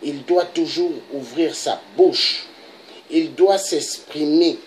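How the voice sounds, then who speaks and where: Low, slow, and somewhat dark, this woman's voice comes through with slight background noise. She is a political commentator from DR Congo delivering an impassioned monologue. She presses each point emphatically, often closing with a rhetorical "hein?" for emphasis.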